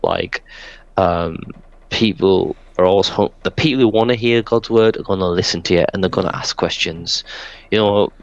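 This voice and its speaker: Middle-aged male, low register, conversational storyteller who rambles with emphasis; close dry sound, dulled by the call. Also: no echo, dull audio. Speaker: street evangelist being interviewed. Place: small room at home, video call. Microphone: headset microphone.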